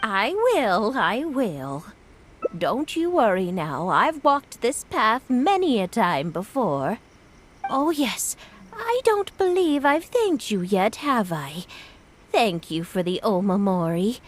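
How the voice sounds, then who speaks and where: Sweet old granny in a game, gentle n earnest, slow talker, voice goes up and down a lot. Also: female voice, fairly high pitch, very animated, slight background noise. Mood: grateful, kindly. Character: kindly, grateful elderly grandmother. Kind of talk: English game voice acting.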